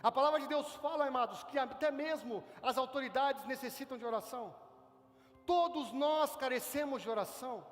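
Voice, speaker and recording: A man with a Brazilian Portuguese accent preaches a sermon in a strikingly high register. His delivery is fervent and swells loud on key phrases. The voice carries a long hall reverb, with soft music underneath. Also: normal speed. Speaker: pastor. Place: church service.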